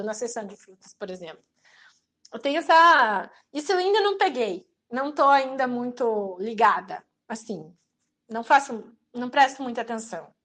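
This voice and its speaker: High-voiced Brazilian woman chatting casually. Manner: chatty and lively, acting out quoted people in passing. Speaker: podcast host. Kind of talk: casual chat.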